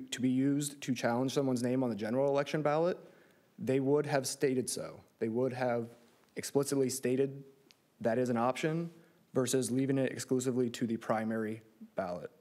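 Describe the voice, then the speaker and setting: A man's voice: medium pitch, warm tone. A man in his thirties delivering a formal legal argument at a courtroom lectern. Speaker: lawyer arguing an appeal. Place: large courtroom. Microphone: lectern microphone.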